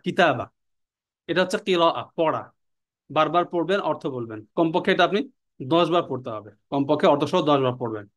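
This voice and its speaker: A man teaching an online language class, repeating words and their meanings in a slow, drilling way. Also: on the high side.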